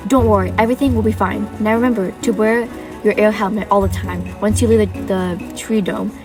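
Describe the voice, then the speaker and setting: A woman voicing a cheerful, folksy female squirrel friend in a high, bright put-on voice, with music playing behind. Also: steady tone, fairly quick, distant mic, lightly acted. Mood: encouraging. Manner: folksy and reassuring.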